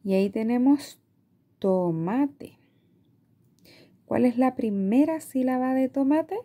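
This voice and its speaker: A woman teacher with a Chilean Spanish accent, explaining a reading lesson to parents in a slow, patient way, stretching out words and checking in with "¿ya?". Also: fairly high pitch, lively intonation, warm tone. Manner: asks "¿ya?" often.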